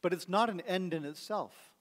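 High-voiced pastor preaching in a reverberant hall. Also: male voice, moderate pace, fairly bright tone. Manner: conversational preaching with rhetorical questions. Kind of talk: sermon. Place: church sanctuary. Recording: long church hall reverb.

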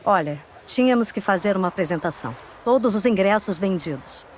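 An actress playing a sly, breezy, daring circus performer in a dubbed video game. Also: female voice, mid-range voice, expressive, brisk, a little hiss or hum, natural voice. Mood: wry, persuasive.

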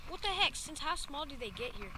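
A young man hosting a fishing vlog from a small boat on a lake, talking excitedly to viewers as he reels fish in. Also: very high-pitched, fairly quick. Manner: excitable, talks to viewers while reeling in. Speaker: fishing vlogger host. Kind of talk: excited casual narration to camera. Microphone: action camera on the boat. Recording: distant action-cam audio, loud outdoor noise.

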